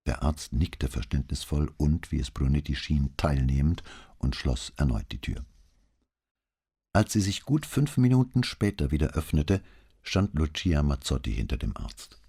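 Very deep, husky male narrator. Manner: measured, calm reading. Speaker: audiobook narrator. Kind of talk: scripted narration of a crime novel.

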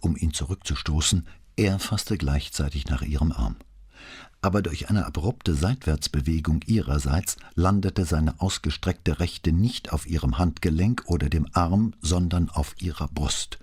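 A man narrating an audiobook in an expressive, measured reading. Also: extremely low pitch, husky. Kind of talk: scripted narration.

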